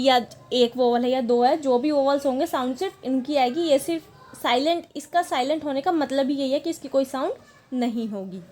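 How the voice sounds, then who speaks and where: A woman's voice: high-pitched, mellow. A woman teaching a language lesson, explaining step by step in a patient way and often checking in with the listener. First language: Marathi. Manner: patient, repeats "ठीक है" to check along.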